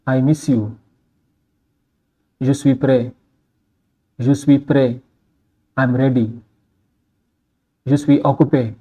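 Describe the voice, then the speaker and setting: A man reading a scripted phrase drill slowly, saying each phrase twice and then giving the English. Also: mid-range voice, dark tone, muffled recording. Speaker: language teacher.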